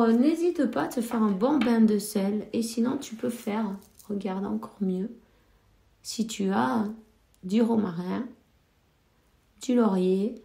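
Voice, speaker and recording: A woman with a cold gives casual spiritual advice as a card reader, speaking slowly and hesitantly with lots of fillers. Her mid-range voice is warm and creaky, and the sound is roomy.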